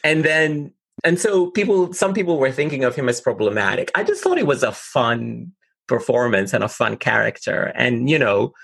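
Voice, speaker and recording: A man chatting casually about a film, giving measured, relaxed opinions. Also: medium pitch, creaky, breathy edge, no echo. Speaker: film discussion co-host. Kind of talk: casual conversation.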